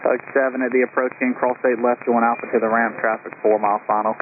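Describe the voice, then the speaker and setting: A man's voice: medium pitch, flat delivery, fast. A man working as a tower controller, giving clipped procedural air traffic control instructions over the radio. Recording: narrowband aviation radio with clicks, faint noise.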